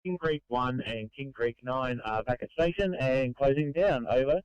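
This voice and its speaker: A man's voice: medium pitch, normal speed, clear, resonant tone, dry recording. A man in a fire crew giving brief status reports over a walkie-talkie. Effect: over walkie-talkie radio. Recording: slightly muffled two-way radio.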